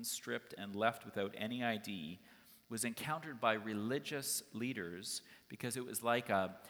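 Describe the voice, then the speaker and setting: Lowish preacher in a reverberant church. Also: male voice, bright, forceful tone. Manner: conversational, storytelling, with occasional fillers. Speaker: pastor. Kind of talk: sermon. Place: church sanctuary.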